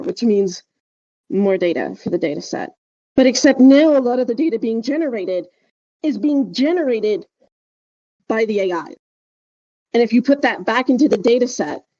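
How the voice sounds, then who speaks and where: This podcast host has a fairly high but very mellow, soft-edged voice, and she talks through ideas in a casual, emphatic way. She hedges constantly with "like" and "right?" as she explains. The audio comes across slightly dull and lo-fi.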